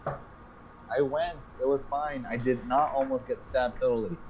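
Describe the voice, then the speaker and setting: A man's voice: mid-range voice, fairly even intonation, a little fast, background noise. A man co-hosting a casual podcast, laughing a lot and hesitating with fillers. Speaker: podcast co-host. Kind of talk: casual chat. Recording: dull lo-fi mic.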